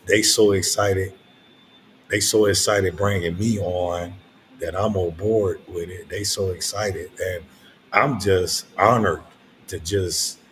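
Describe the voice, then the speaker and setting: Older male host, unhurried and deep, thinking aloud in a casual late-night monologue with repeated phrases. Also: a little hiss or hum. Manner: reflective, halting, repeats phrases for emphasis.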